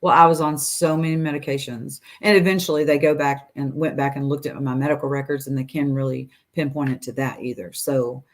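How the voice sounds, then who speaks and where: Woman in her forties, guest on a video call, animated storytelling, quotes doctors, laughs between lines. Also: very deep voice, brisk, few pauses. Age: 40s. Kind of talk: casual storytelling interview. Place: room at home.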